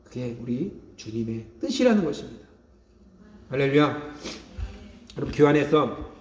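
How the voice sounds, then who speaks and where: A male pastor with a dark, somewhat high voice preaches a sermon in a church sanctuary, emphatically repeating key phrases and calling out hallelujah for responses. The recording is echoey and dull, with lo-fi sound.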